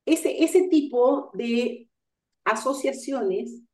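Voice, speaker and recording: A woman giving an online lecture on coaching, explaining ideas step by step and pausing with fillers to gather her thoughts. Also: on the high side, animated. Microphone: video call. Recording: roomy sound, far from the mic.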